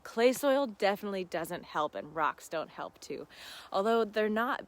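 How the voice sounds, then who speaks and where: A woman with a lowish voice hosts a casual live gardening Q&A, answering viewer questions in an informal, expressive and enthusiastic way.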